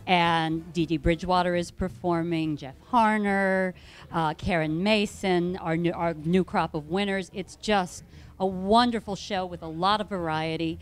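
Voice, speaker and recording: A woman's voice: on the low side, steady tone, measured pace. A woman producer and singer chatting casually and enthusiastically in an interview. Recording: faint music behind the interview.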